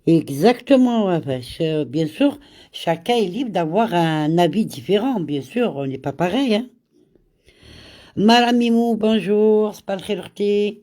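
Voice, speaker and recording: Her voice is mid-range and warm, with lively intonation, though a cold has her speaking slowly and repeating herself. She's hosting a relaxed live chat, calling out viewers by name and dropping in Arabic greetings.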